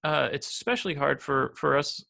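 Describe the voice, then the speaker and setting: An American financial advisor in his fifties talks as a podcast guest in a casual interview, rambling with many restarts and fillers. His voice is a little high, gravelly and bright, with a brisk pace and a forceful tone.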